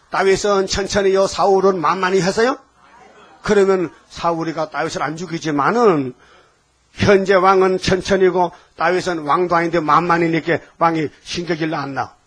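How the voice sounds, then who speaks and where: An older man preaching a fiery sermon as pastor, firing rhetorical questions at the congregation and swinging between shouts and low, hushed lines. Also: husky.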